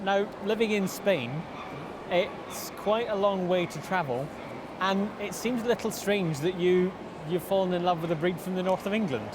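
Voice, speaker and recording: Man, TV presenter, friendly questions, high voice, outdoor traffic noise. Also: moderate pace. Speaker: television show presenter. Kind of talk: interview questions. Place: outdoors at a dog show.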